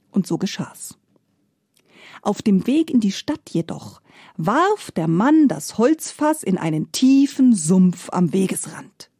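A woman narrates a fairy tale at a slow, deliberate pace, with lively swings in pitch and soft whispered phrases. Her voice is dark and husky. The recording is dry and close. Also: dry recording. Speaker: storyteller.

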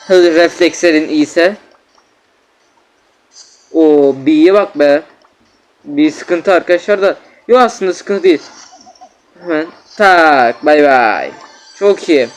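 A man giving excitable gameplay commentary as a gaming YouTuber, repeating words and constantly addressing his viewers. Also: sits high.

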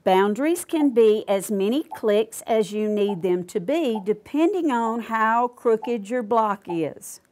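A woman's voice: a little high, lively intonation, takes it slowly, hardly any pauses, darkish tone. An older woman demonstrating quilting step by step, patiently explaining each click aloud in a studio. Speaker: quilting instructor.

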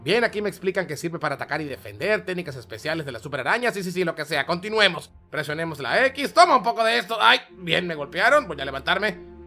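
A man's voice: a little high, expressive, fast, pushed and bright, soft background music. A man hosting a gameplay video, chatty and dramatic, talking to viewers and crying out at the action on screen. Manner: chatty, dramatic, talks to viewers and cries out at the game. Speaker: gaming channel host. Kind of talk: excited let's-play commentary.

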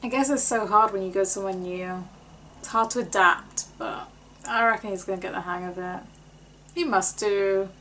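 A woman's voice: medium pitch, moderate pace, a bit bright, a little hiss or hum, poor audio. A young woman, chatting casually and jokingly while she reacts to a film. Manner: chatty, joking, laughs often. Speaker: movie reaction creator. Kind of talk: casual movie reaction commentary.

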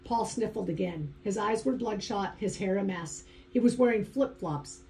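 A woman's voice: mid-range voice, moderate pace, darkish tone, rough recording. A woman narrating a first-person audiobook in a conversational, wry inner-monologue manner.

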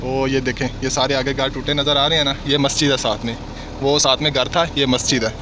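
A man's voice: mid-range voice, flat delivery, brisk, noisy background. Chatty young man. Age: young adult. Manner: chatty and repetitive, often calls viewers brother. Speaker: vlogger. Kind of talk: casual travel vlog narration. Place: inside a vehicle cab on a drive. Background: background music.

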